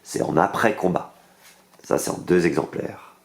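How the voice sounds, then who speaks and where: In a deep, creaky voice and an unhurried manner, a man with a French accent reviews a board game's cards casually. He sounds enthusiastic, explaining the rules one step at a time with lots of fillers during the unboxing.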